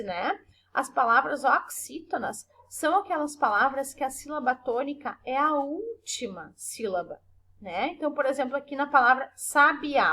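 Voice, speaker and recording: High-voiced patient woman teacher. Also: bright, forceful tone. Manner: patient, slow syllable-stressing explanations with frequent tag questions. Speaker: primary school teacher. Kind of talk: recorded remote class for children.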